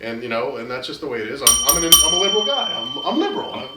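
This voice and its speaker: A man's voice: medium pitch, very animated, racing, heavy background noise. A man in his thirties with a cold, telling a long, profane story in casual chat. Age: 30s. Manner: rambling, profane storytelling with laughs. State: has a cold. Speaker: co-host. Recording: echoey room, mic at a distance.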